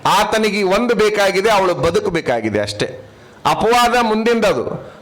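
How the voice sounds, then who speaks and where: Man, swami preaching, North Karnataka accent, high voice, emphatic, storytelling, phrases stacked in lists. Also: lively intonation, a little slow, fairly bright tone. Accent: North Karnataka Kannada. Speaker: swami giving a blessing address. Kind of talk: storytelling sermon.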